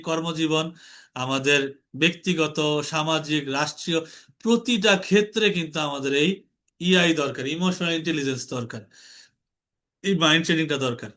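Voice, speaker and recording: A young man leads an online lesson with a high, ringing voice. He talks earnestly, circles back over his points and calls on students to answer. His tone is bright and forward. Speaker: online class instructor. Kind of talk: informal teaching lecture. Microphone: online class call.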